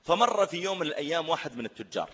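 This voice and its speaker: A man preaching a sermon, telling stories in an animated way and asking rhetorical questions. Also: fairly high pitch, very fast, breathy edge, long reverb tail, highs cut off. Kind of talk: sermon with storytelling.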